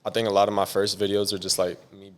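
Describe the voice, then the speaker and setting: Laid-back young man rambling with a smooth voice. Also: lowish voice, fast talker. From San Diego, USA. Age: young adult. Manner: relaxed, rambling, heavy on "like". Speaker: music producer guest. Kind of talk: casual interview chat.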